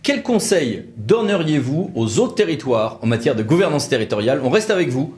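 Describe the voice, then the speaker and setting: A man with a fairly high, slightly mellow voice presents a legal news review at a moderate pace, very animated throughout. He explains points emphatically and didactically, adding conversational asides, in brisk explanatory commentary mixed with interview questions.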